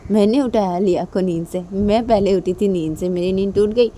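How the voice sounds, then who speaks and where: A cheeky, easygoing young woman who shrugs off a scolding with playful defiance, as a woman narrator voices her. She talks a little higher and a touch louder than a plain speaking voice. This comes from a homemade storybook reading. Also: quick pace, slight background noise, close to an everyday voice. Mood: teasing. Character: playful mischievous young woman, teasing partner.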